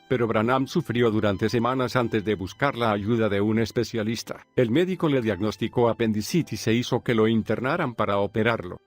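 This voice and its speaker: A man reading a scripted biographical documentary narration in a steady, measured storytelling manner. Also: mid-range voice. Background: soft background music.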